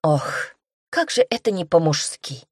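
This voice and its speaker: A woman's voice: fairly low pitch, very animated, unhurried, breathy edge, no echo, heavily acted. Woman doing a young woman, coy pupil, playful, coaxing, dry close audiobook sound. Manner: playful, coaxing, a bit brighter.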